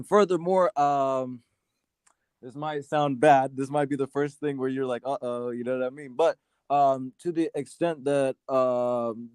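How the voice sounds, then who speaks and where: A man from Sudan arguing his side in a casual debate, halting often with fillers and restarts. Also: medium pitch, darkish tone, no room sound. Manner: hesitant, many fillers and restarts. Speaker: debate guest.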